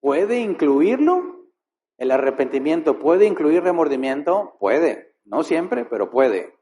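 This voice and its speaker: A man preaching a sermon as pastor, posing rhetorical questions and shifting his pace and loudness for effect. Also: on the high side, sing-song, takes it slowly, slight background noise.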